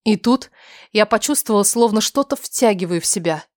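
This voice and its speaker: A woman's voice: mid-range voice, lively intonation, brisk, no echo, studio quality. Woman tensely narrating an audiobook. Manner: tense, emotional, soft-voiced delivery. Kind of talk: first-person dramatic story reading.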